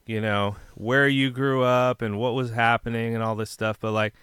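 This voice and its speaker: A man's voice: medium pitch, little pitch movement, normal speed, fairly bright tone, clear, resonant tone, no echo, clean studio sound. A man interviewing a guest, asking rambling questions full of fillers. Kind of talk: casual interview chat.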